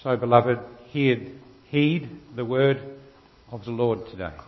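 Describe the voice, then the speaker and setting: An Australian man preaching a sermon in a large church, his mid-pitched voice trailing into a long cathedral echo. He tells his points like stories and turns to the congregation with questions. The recording is dull and muffled. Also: slow. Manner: conversational storytelling, asks the congregation questions. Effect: cathedral-like echo, long church reverb. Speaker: pastor.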